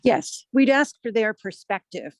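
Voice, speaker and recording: A woman judge in a meeting, talking over a phone line in a measured, polite, explanatory way. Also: fairly high pitch, lively intonation, dry recording, studio quality. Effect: heard over a phone line. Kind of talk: meeting discussion.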